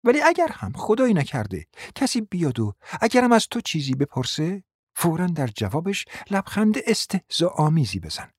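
A man's voice: wildly swooping pitch, husky, no echo, studio quality, full character voice. A man playing a domineering scornful woman. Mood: contemptuous. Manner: shrill scolding, sharp commands and insults. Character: domineering scornful middle-aged woman, bossing her husband. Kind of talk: audiobook dramatic reading.

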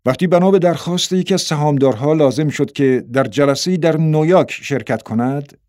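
A man reading a story aloud in a steady, even storytelling manner. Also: a little high, no room sound, clean studio sound. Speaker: narrator. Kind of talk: audiobook narration.

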